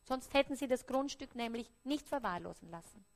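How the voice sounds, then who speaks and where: A woman with an Austrian accent, preaching a parable on stage before an audience, often dropping to a hushed, quiet voice. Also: fairly high pitch, lively intonation, a little fast. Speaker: stage speaker.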